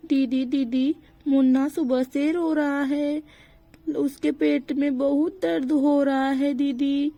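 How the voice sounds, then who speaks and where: A woman's voice: on the high side, fairly even intonation, takes it slowly, no room sound, soft background music. A woman voicing a worried young village mother in a doll storybook, anxious and pleading.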